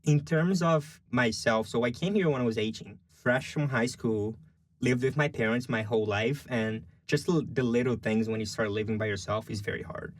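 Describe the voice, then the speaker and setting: A young adult Brazilian man, a journalism student with a Brazilian Portuguese accent, answers interview questions in a casual, chatty way, constantly using fillers like "you know" and "like." His voice is mid-range and his speed normal, with no room sound.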